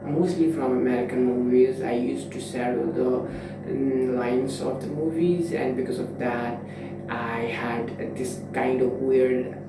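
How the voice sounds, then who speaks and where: A Nepali vlogger in his twenties muses in a casual, reflective monologue, rambling through thoughts with constant "you know" fillers, false starts and restarts. His unhurried, mid-range voice has a gravelly edge and sounds far from the mic in a strongly echoing room, with steady background noise.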